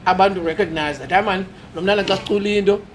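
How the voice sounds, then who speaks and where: A man from South Africa with a Xhosa accent, chatting casually as a musician guest and switching between languages in an animated way. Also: high voice, rapid-fire, a little hiss or hum. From South Africa, Eastern Cape. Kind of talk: casual chat.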